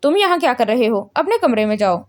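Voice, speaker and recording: A woman voicing a caring but firm older grandmother in a storybook reading, slow and comforting. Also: fairly high pitch, sing-song.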